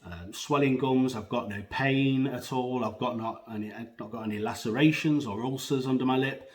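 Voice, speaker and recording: A man's voice: mid-range voice, moderate pace. A man giving a casual, unscripted product review in a hesitant, rambling way, talking with a pouch tucked under his lip. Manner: hesitant, rambling, self-correcting. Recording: echoey room.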